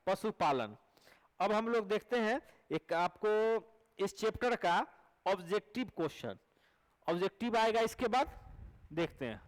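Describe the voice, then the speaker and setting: A man's voice: high-pitched, lively intonation, unhurried, low-quality recording. A male teacher with a Bihari Hindi accent, giving an exam prep lecture and repeating each question and answer back to his students. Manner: coaxing, asks rhetorical questions to check recall.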